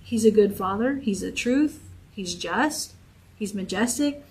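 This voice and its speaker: A woman teaching a Bible study in a relaxed, conversational preaching style, repeating phrases to encourage her listeners. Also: mid-range voice, measured pace, breathy edge, low-quality recording. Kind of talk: informal sermon.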